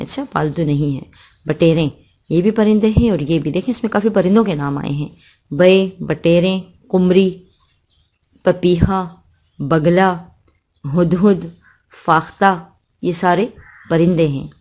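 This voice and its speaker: A woman's voice: on the low side, mellow. A woman teacher from Pakistan with a Pakistani accent, reciting verses of a poem and explaining them line by line in a school lesson.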